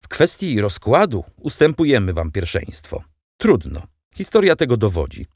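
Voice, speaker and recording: A man's voice: on the low side, wildly swooping pitch, moderate pace, darkish tone, husky, no room sound, clean studio sound, full character voice. A man reading as a sly, mocking revolutionary leader. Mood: ironic, mild. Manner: mild, ironic and condescending. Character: shrewd, mocking male revolutionary leader, middle-aged.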